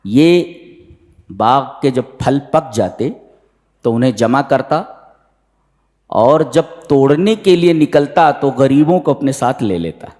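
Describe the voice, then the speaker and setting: A male preacher delivers a sermon, reciting Arabic verses before explaining each one. His voice is lively and swoops widely in pitch. The sound rings with a long reverb, as if in a big hall. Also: slow pace, long pauses. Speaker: preacher giving Quran commentary.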